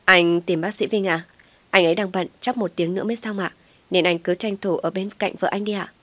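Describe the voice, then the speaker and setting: A woman's voice: medium pitch, fairly even intonation, brisk, fairly bright tone, no room sound, natural voice. A woman voicing a female hospital nurse who talks in a blunt, matter-of-fact way.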